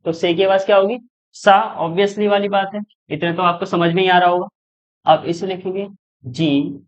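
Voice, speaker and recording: A man's voice: sits high, highs cut off. A man teaching an exam-prep lesson as a tutor, patiently repeating each point and answering his own questions.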